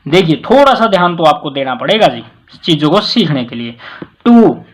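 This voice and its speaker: A man with a fairly high voice explains English grammar in a relaxed, chatty way. He leans hard on key words and slips English terms into Hindi explanations. He keeps addressing his listeners politely as he goes. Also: moderate pace. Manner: stresses words loudly, mixes Hindi with English. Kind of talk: casual classroom explanation.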